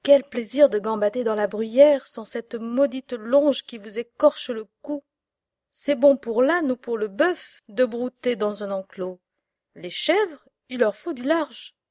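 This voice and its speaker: A woman voicing a restless young female goat who gently but stubbornly insists on leaving. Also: a little high, slow, no room sound, clean studio sound. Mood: yearning.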